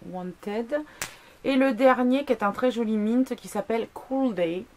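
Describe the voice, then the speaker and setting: A woman's voice: a little high, a little slow, darkish tone, slight background noise. A woman vlogging a casual product review, chatty, with many fillers, asides and self-mocking jokes. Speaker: beauty blogger.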